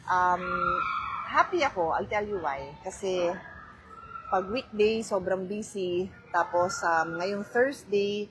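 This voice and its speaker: A woman's voice: lowish voice, low-quality recording. Chatty Filipino woman hosting a phone livestream. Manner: chatty, mixes English into Filipino, greets viewers by name. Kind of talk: casual live chat, greeting viewers. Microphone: handheld phone.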